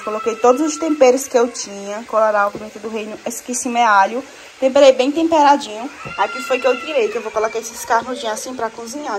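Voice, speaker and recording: Holding her phone at arm's length, a young woman from Brazil talks chattily to her viewers, addressing them as "gente," as she makes lunch in her kitchen at home. Her voice is a little high, and the recording carries slight hiss or hum.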